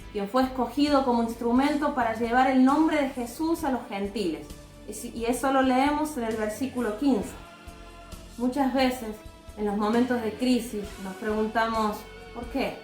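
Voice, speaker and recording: Earnest woman in an echoey room. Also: on the high side. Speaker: devotional speaker. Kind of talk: devotional talk with personal testimony. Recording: roomy echoey recording.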